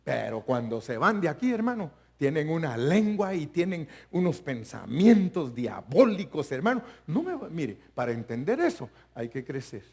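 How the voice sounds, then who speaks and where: An older man preaching a live church sermon as pastor, animated, often calling out to his listeners as brother and at times breaking into shouts. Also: on the high side, normal speed, vocal fry, few pauses, husky. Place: church sanctuary.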